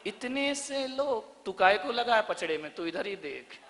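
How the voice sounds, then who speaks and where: A man preaching a theatrical sermon as a Jain monk, swinging from soft asides to shouted lines and acting out household dialogue. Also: high-pitched, lively intonation, unhurried, a little hiss or hum. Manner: acts out household dialogue in sing-song voices. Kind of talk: sermon to a live audience. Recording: long reverb of a large hall.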